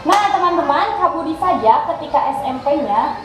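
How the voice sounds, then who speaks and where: A woman's voice: sits high, expressive, normal speed, a bit bright. A woman from Sumedang in West Java, a chatty co-host sharing school memories. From Sumedang, West Java, Indonesia. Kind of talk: casual school talk. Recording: echoey room, faint noise.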